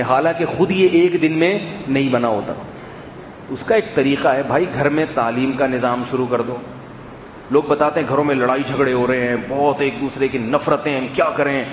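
A man giving a sermon to a live audience, chatting with the crowd, asking them rhetorical questions and dropping to a soft hush to make a point. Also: mid-range voice, a little hiss or hum. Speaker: preacher and counselor. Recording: echoey hall with faint ambience.

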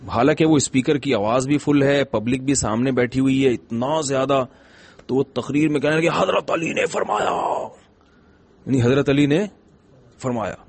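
A middle-aged man, an Islamic scholar giving a conversational religious talk in a gentle, humorous storytelling manner with rhetorical questions. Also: mid-range voice.

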